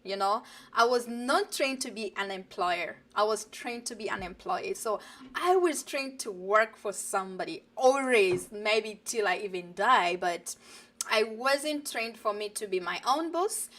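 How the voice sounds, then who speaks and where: A woman's voice: medium pitch, animated, unhurried, a bit bright. A middle-aged woman from Uganda, talking earnestly as the guest of a live online interview, heard over a video call. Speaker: guest, digital business coach.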